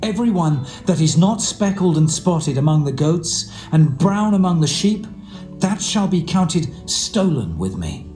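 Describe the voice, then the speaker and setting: An actor playing an earnest, firm, hard-working shepherd, declaiming in a dramatised scripture reading. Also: male voice, on the high side, big pitch swings, a little slow, mellow. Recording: roomy echo, faint music behind. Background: faint guitar music.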